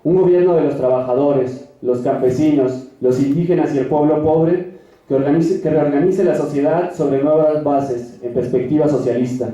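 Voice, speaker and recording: A man's voice: on the high side, steady tone, moderate pace, dark tone. Echoey, declamatory young man at a rally. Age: young adult. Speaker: youth political activist giving a speech. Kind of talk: political rally speech, reading a manifesto. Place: large echoing hall at a rally. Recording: echoey hall, distant mic, dull sound.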